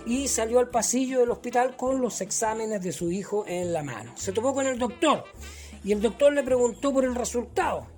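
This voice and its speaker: A man's voice: extremely high pitch, animated, moderate pace, faint music behind. A man playing a cheeky, rambling male vagabond who tells jokes with a Chilean accent. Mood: joking. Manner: rambling storyteller full of fillers and punchlines. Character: cheeky joke-telling male vagabond, middle-aged.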